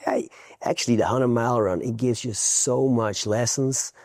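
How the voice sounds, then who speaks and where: A man's voice: medium pitch, normal speed, darkish tone, no room sound, clean studio sound. A man from Belgium, a guest coach giving earnest, plain-spoken interview answers with frequent restarts.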